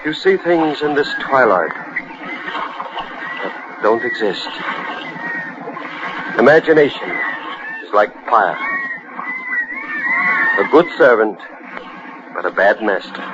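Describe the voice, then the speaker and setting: A skeptical man over loud noise. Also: medium pitch, slow pace, pauses often. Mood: reasoning. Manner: steady and reasoning. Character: calm, skeptical man on the shore. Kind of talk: 1940s radio drama acting. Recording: noisy lo-fi radio drama.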